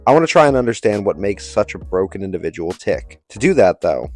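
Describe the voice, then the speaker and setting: Deep-voiced sardonic man narrating. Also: fairly quick. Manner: sardonic, crude, deadpan. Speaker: commentary narrator. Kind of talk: scripted comedic narration.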